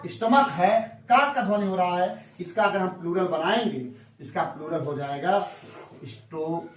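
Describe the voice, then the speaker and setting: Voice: medium pitch, normal speed. A teacher giving a classroom lesson who drills pupils with repeated call-and-response questions and calls them children. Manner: addresses pupils as children, scolds chatter. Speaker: English teacher. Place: classroom with traffic outside. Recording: roomy classroom sound, distant mic, faint traffic noise.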